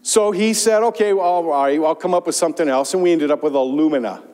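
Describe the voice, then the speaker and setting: An older man, a pastor, giving a conversational, animated sermon with rhetorical asides, on a lapel mic in a large church. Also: fairly high pitch, fast. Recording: church sanctuary reverb.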